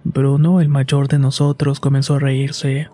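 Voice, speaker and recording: A man narrating a scripted horror story in a steady, unhurried way. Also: medium pitch, soft background music.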